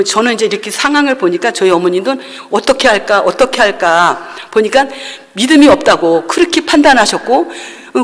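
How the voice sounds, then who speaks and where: A woman pastor delivering a sermon testimony in a church, telling the story earnestly and repeating phrases for emphasis. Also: medium pitch. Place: church sanctuary. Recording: long church-hall reverb.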